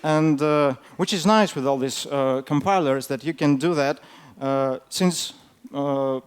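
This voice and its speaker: A man who is a non-native English speaker gives an informal technical talk in a hesitant, halting way, often filling his pauses. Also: fairly high pitch, clear, resonant tone. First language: not English. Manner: hesitant, halting delivery with frequent fillers. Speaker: conference speaker.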